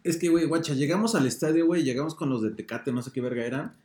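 A man's voice: fairly high pitch, quick pace, warm tone, echoey room. A man with a Mexican accent telling a rambling story full of swearing and slang on a podcast. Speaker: podcast co-host. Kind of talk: casual chat.

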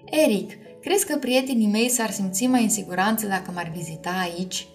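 A woman's voice: mid-range voice, faint music behind, close to an everyday voice. A woman reading a storybook aloud and voicing Ariel, an emotive, caring young mermaid princess. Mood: tender.

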